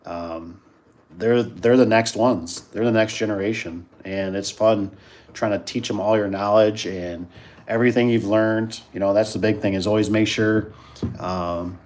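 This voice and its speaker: A man's voice: on the low side, fairly even intonation, moderate pace, a little mellow. Easygoing rambling male streamer. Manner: rambling, repeats himself, easygoing. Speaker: host of a live stream. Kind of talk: casual chat, reacting to viewers.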